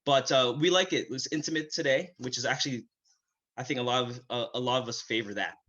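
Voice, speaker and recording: A man's voice: medium pitch, fast talker, bright, forceful tone, dull audio. A man hosting an online performance event, speaking loosely with lots of fillers. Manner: loose and chatty, many fillers. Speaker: host. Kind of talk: casual hosting. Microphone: video call.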